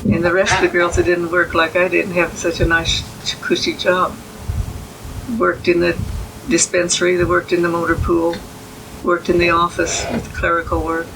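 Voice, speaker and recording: An elderly American woman, a veteran remembering her service in a halting way during an oral history interview. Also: on the low side, monotone, gravelly, background noise. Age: 80s or older. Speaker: army veteran being interviewed.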